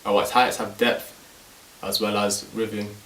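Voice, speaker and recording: Male rapper, flat, low-pitched, echoey room with a distant mic. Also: a little slow. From Manchester, England. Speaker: hip-hop artist. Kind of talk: documentary interview. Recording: echoey room, far mic, faint hiss.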